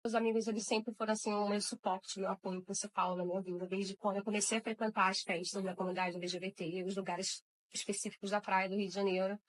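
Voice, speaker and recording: A woman talks in a documentary interview, reflective and pausing to search for the right words. Her voice sits at a middle pitch. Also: little pitch movement, a little hiss or hum, poor audio.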